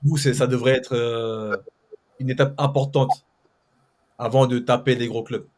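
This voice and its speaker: A man with a mid-pitched voice co-hosts a relaxed conversation. He builds his questions slowly, pausing with "euh" along the way. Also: a little hiss or hum. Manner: long hesitant questions with "euh". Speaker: co-host. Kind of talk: casual chat.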